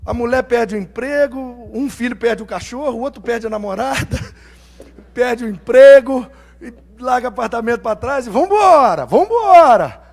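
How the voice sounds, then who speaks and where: Middle-aged man, pastor, very high voice; lively sermon storyteller who plays every character in his anecdotes. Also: normal speed, vocal fry. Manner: animated, acts out quoted dialogue in voices; humorous, self-mocking.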